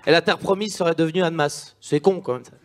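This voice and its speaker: A high-voiced man from France performs a stand-up comedy set. He talks in a quick, chatty way and keeps tagging his lines with "hein". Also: fairly even intonation.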